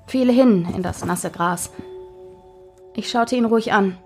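Woman, scripted story narration, measured, mid pitch, faint background music. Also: darkish tone.

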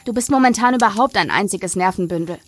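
A woman voicing a young man who calmly reassures his frightened friend. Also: medium pitch, quick pace, close to an everyday voice. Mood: reassuring.

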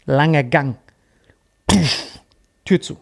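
A man's voice: on the high side, slow, gravelly. A man in his forties, a podcast co-host, telling a rambling, provocative joke story in casual chat. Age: 40s.

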